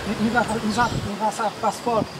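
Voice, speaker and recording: A man's voice: sits high, level tone, normal speed. A man plays a nervous migrant who stammers in front of the officer. The recording is made outdoors, with heavy traffic noise behind him. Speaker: comic playing a stopped migrant. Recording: noisy outdoor street recording.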